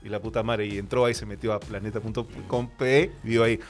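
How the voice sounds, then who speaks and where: A man's voice: lowish voice, fairly even intonation, fast talker, soft background music. A man with a Peruvian accent, a comedy podcast co-host telling a long, rambling, self-mocking story in casual chat. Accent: Peruvian Spanish.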